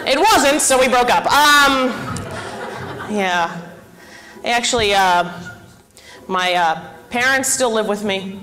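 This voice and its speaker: On a comedy club stage, a young woman in her twenties works through self-deprecating material with deadpan punchlines and chatty asides to the audience. She has a fairly high voice and takes her time, pausing often.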